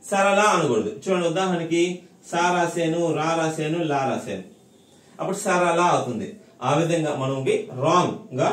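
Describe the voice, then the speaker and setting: High-voiced man teaching in an echoey room. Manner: patient, repetitive explaining with frequent check-ins. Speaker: language teacher. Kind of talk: recorded online lesson. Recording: echoey room, mic at a distance.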